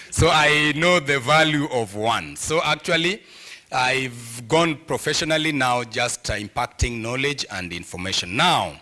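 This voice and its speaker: A man's voice: mid-range voice, a little slow, bright, forceful tone. A middle-aged man with a Kenyan accent giving an informal, conversational public talk as a trainer. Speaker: trainer and industrial relations consultant. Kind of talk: informal public talk mixing English and Swahili.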